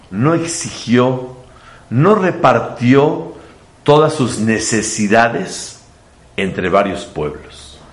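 A man giving a Torah sermon, asking rhetorical questions and using playful homely examples. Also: medium pitch. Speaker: religious teacher. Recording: echoey room.

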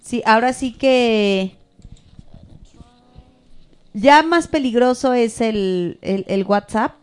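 A woman's voice: a little high, slow, clean tone. A woman co-hosting a casual chat, playful and teasing, drawing out her questions. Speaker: co-host.

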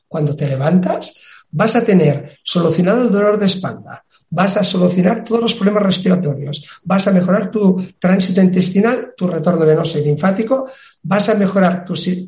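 A man's voice: high-pitched, a little mellow. A man from explaining a fitness method in an interview, emphatic and acting out small dialogues. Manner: emphatic, acts out little dialogues. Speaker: fitness expert guest. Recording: roomy echo.

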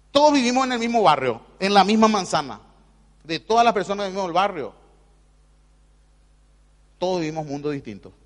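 A man's voice: a little high, in a large hall. A man with a Rioplatense Spanish accent giving an emphatic spiritual motivational talk, speaking familiarly straight to the listener.

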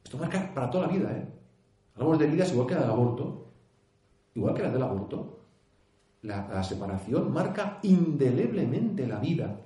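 A priest with a Castilian Spanish accent giving an earnest conference talk, full of restarts, rhetorical questions and a tag "¿eh?". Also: male voice, medium pitch, sing-song, normal speed, pauses often, dark tone. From Spain. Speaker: priest and pastoral speaker. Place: conference hall. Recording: echoey hall.

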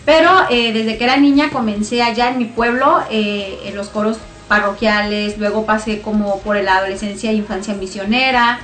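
A guest singer and missionary in her thirties from Chihuahua, with a northern Mexican accent, talks about her faith in a radio interview. Her medium-pitched voice is steady and runs at normal speed with hardly any pauses, and she is warm, chatty, and laughing, with many fillers. The roomy studio has faint music in the background.

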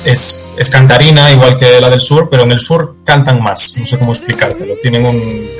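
A man's voice: mid-range voice, steady tone, normal speed, a bit bright, faint music behind, low-quality recording. A man from Galicia, a tour guide talking in a casual interview. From Galicia, Spain. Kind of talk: casual conversation.

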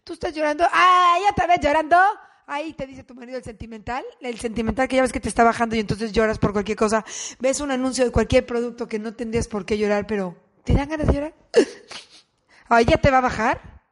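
Brief: middle-aged Mexican woman, high voice, salty stand-up chatter. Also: fast, darkish tone. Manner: crude, profane and chatty, addressing listeners directly. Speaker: comedian. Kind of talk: stand-up style comic monologue.

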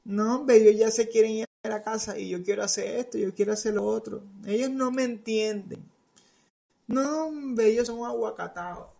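Preacher doing a whiny teen boy, higher voice, sighing and griping about his parents. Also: normal speed, vocal fry, mellow. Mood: whining. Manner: complaining, exasperated sighs.

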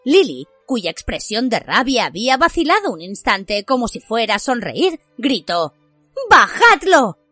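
A woman reading fiction aloud in an expressive, animated voice, pitched a touch high, that rises and falls with the story. The sound is dry and close, with faint music playing underneath. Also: moderate pace, few pauses, breathy edge, no echo. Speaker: audiobook narrator. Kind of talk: scripted fiction narration.

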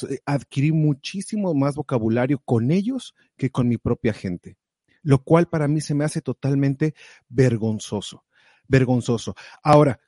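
Animated motivational man, dry close sound. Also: fairly high pitch, dry recording. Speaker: guest sharing advice. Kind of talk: casual conversational advice.

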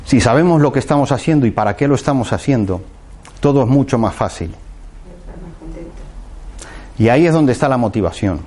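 A man's voice: mid-range voice, expressive, fairly quick, long pauses, warm tone. A man from giving a reflective talk, thinking aloud with fillers and restarts as he tells a short parable. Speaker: speaker giving a motivational talk.

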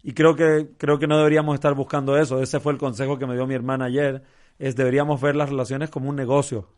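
A man's voice: mid-range voice, flat delivery, fast talker, a little mellow. Casual Mexican man telling stories. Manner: casual storyteller with slang, acting out voices in jokes. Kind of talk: casual conversation, telling a joke.

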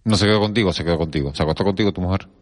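A man's voice: low voice, very fast. A male radio host teasing his guest and urging him to hurry the story along. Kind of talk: comic radio interview.

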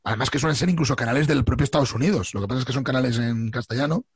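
A man from Spain with a Spanish accent, chatting casually as a podcast co-host, opinionated and animated, often adding "¿sabes?". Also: medium pitch, racing, breathy edge, dry recording, studio quality. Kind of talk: casual chat.

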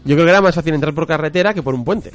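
A man hosting a casual local radio show, relaxed and quick to laugh. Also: on the high side, faint music behind. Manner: relaxed, laughs often, steers the talk. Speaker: radio host. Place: radio studio.

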